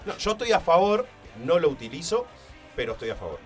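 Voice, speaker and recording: A man's voice: a little high, sing-song, brisk, breathy edge. Argentine man telling an anecdote over music. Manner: storytelling, opinionated. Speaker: radio panelist. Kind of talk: casual radio chat, storytelling. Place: radio studio.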